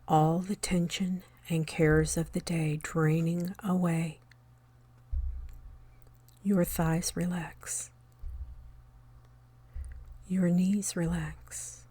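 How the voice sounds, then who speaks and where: In a gentle, unhurried manner, a woman reads a scripted guided meditation, leaving long silences between brief phrases. Her soft, husky, lowish voice frequently drops nearly to a whisper, and there's no echo.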